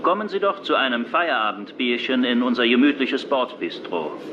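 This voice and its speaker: A man's voice: medium pitch, very animated, moderate pace, lightly acted. A man acting a formal, courteous train announcer, reading scripted messages to passengers. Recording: dull, noisy train PA sound.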